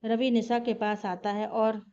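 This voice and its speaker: Female storyteller, higher voice, calm reading, dull lo-fi sound. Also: unhurried. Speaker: narrator. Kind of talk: storytelling narration. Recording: dull lo-fi recording.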